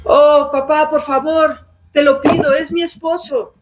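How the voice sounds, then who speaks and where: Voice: sits high, level tone, a little slow, pitched above the performer's own voice. A storyteller voicing a young woman who pleads dramatically with her father in a devotional class story. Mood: begging. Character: young woman, a pleading daughter threatening self-harm.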